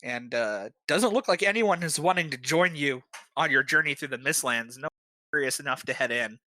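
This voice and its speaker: A game master narrating a tabletop game in a relaxed way, with many filler sounds. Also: mid-range voice, a little fast.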